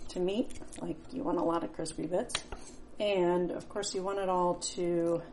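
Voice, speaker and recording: A woman's voice: lowish voice, mellow, slight background noise. A middle-aged woman talking casually while she cooks in her home kitchen, thinking aloud and chatting as she works. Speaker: home cook. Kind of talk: casual cooking vlog narration.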